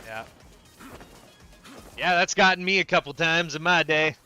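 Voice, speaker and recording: Bright-voiced laid-back man. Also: fairly high pitch, soft background music, poor audio. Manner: laid-back, profane, quick to laugh along. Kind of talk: casual chat while gaming.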